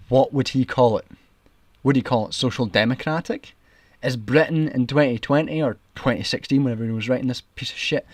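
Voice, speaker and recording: A young Scottish man streams commentary, ranting indignantly, sarcastically and argumentatively until his voice turns raspy. His pitch is medium and the recording is dry.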